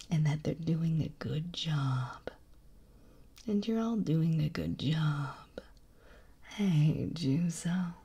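Soft slow whispery lady streamer, mellow tone, sweet with her chat. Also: deep voice, breathy edge. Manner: gentle, affectionate, reads chat aloud. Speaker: ASMR streamer.

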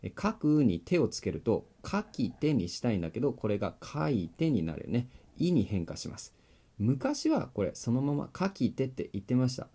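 A man's voice: medium pitch, very animated, moderate pace, dark tone, slightly rough. A man teaching a grammar video lesson, explaining step by step in a friendly way and checking in with the viewer as he writes on a board. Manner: writes on a board while talking.

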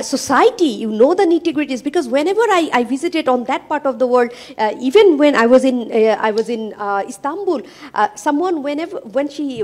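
On a roundtable panel in a conference hall, a middle-aged professor holds a handheld mic and makes her points emphatically, with many fillers. She has a high-pitched voice with a darkish tone.

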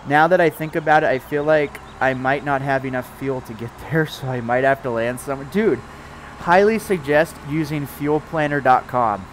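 A man's voice: mid-range voice, moderate pace, a little hiss or hum, low-quality recording. A man hosts a casual live game stream, his voice stuffed up and groggy from the morning. He rambles along with plenty of fillers, restarts and half-finished thoughts. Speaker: streamer playing a farming game with friends.

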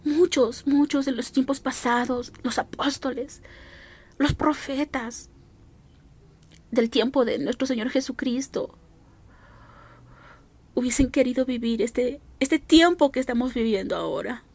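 A woman's voice: high-pitched, measured pace, pauses often, darkish tone, husky. A woman preacher recording a fervent, pleading prophetic exhortation as an audio message, repeating her appeals to the listeners. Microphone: self-recorded audio message.

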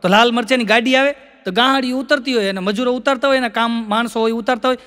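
A man's voice: very high-pitched, fast talker, a bit bright, clear, resonant tone. A man with a Gujarati accent telling folksy comic stories as a stand-up act, playing both sides of each joke and often repeating lines for effect. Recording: long hall reverb.

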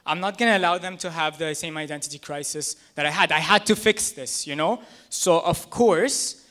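Bright and forceful, a little high, at a moderate pace: this American comic in his thirties works a small club stage with a handheld microphone. He keeps it conversational and pokes fun at himself.

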